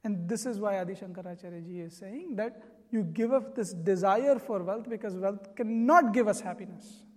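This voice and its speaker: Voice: medium pitch, normal speed, a little mellow. Earnest spiritual teacher in a reverberant hall. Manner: earnest, explanatory storytelling. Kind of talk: sermon. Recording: long reverb.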